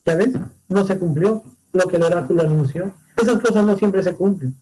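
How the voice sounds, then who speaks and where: A man's voice: sits high, fairly quick, warm tone, a little hiss or hum, poor audio. A man teaching a literature class online, retelling a Greek tragedy animatedly and calling his students muchachos.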